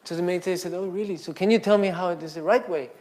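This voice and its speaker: At a meditation centre, a man gives a casual, conversational Buddhist talk built around a story. He acts out the quotes and fills his speech with "you know" and "like." His voice sits high, with a darkish tone and a rapid-fire pace.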